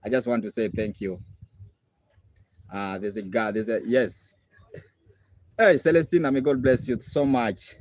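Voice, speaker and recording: Over loud traditional music of plucked strings and a rattle, a Kenyan-accented man hosting a live music stream repeatedly and effusively thanks those supporting him. He speaks unhurriedly at medium pitch, pausing often, in a dry recording.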